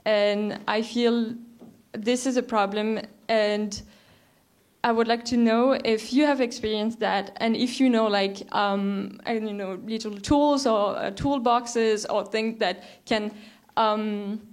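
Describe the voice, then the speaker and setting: A woman's voice: fairly high pitch, steady tone, takes it slowly. A young woman, a PhD student putting a question to a panel, hesitant and full of fillers. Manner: hesitant, many fillers and restarts. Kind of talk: audience question at a panel discussion.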